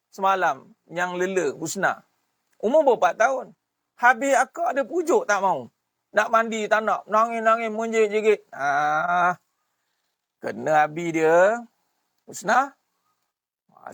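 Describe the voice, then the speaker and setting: Man, Malaysian Malay accent, middle-aged, religious teacher, casual talk, high voice, dry close sound. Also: vocal fry, no echo. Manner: animated, shifting between soft asides and sudden raised bursts.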